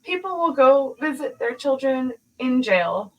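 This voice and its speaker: A woman's voice: sits high, very animated, a little slow, darkish tone, dull audio. A woman hosting a podcast, talking bluntly in a casual chat, swearing freely and laughing often. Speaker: podcast host.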